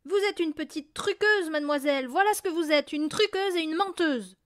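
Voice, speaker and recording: Brief: woman doing a bragging, hot-tempered father, loud and raised in pitch, dry close sound. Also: normal speed, dry recording, natural voice. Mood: angry. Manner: bragging, then barking and shouting. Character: boastful blustering middle-aged father, quick-tempered.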